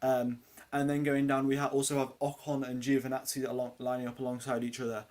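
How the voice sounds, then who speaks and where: On a relaxed live stream watching a race, the host is a teenage boy whose voice runs deep for his age. He speaks in a monotone, fairly quickly and a little mellow, rambling with frequent ums and uhs while answering chat.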